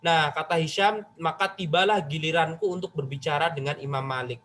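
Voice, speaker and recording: A man leads a religious study lesson in a loose, conversational way. His voice sits high, and he keeps turning to his listeners with direct questions while acting out the lines of the story he tells. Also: brisk, fairly bright tone, a little hiss or hum. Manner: chatty, addresses listeners directly with rhetorical questions; retells a story, voicing its figures in quoted lines. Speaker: Islamic religious teacher.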